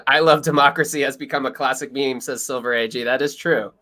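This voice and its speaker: Young guy cohosting a history livestream, bright voice, reads chat comments and laughs. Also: mid-range voice, fairly even intonation, a little fast.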